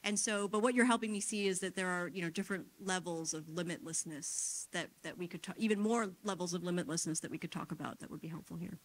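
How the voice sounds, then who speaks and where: A woman speaker answering questions after her conference talk in a theater, thoughtful and halting with frequent restarts. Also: fairly low pitch, slight background noise. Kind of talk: academic Q&A.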